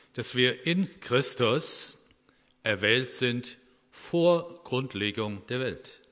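A man preaching a Christmas sermon, calm and measured, after reading a fable aloud. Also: on the low side. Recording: echoey hall reverb.

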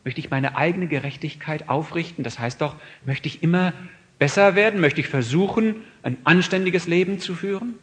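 Man preaching a sermon, earnest, goes quiet and thoughtful then pushes up loud and high on the big points. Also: normal speed. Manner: earnest, swings from quiet reflection to raised emphatic appeals; asks the listeners many questions.

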